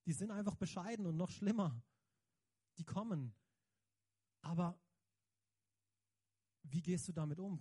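A man giving a lively, conversational sermon, emphatic and slangy, often turning to the audience with questions. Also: fairly high pitch, dry recording. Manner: emphatic, slangy, keeps asking the audience "right?". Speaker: preacher.

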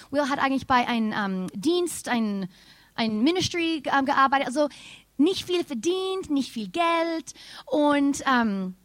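Animated woman preaching, German. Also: high-pitched, no room sound. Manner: animated storytelling, addresses congregation directly. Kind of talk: sermon with personal story.

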